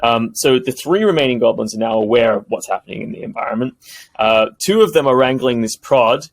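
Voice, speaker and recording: A man narrating a tabletop game as game master, in a lively, animated way. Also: mid-range voice, brisk, gravelly, poor audio.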